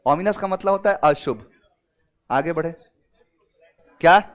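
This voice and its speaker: A man's voice: on the high side, a little slow. A man teaching English vocabulary to students, explaining in Hindi mixed with English terms and asking them questions. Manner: lively and talkative, gives everyday examples. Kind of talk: online exam-prep class.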